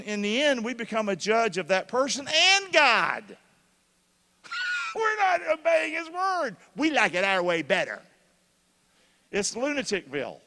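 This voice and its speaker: A man preaching a sermon as pastor, questioning his congregation and bursting into shouts when excited. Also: high voice. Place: church hall. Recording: long reverb of a church hall.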